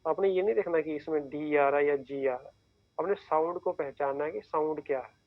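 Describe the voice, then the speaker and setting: A man's voice: fairly high pitch, fairly quick, no room sound. Patient male shorthand teacher, tinny sound. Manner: patient, repeats points, keeps checking in with "theek hai". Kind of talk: explaining a lesson step by step. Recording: tinny phone-like dry sound.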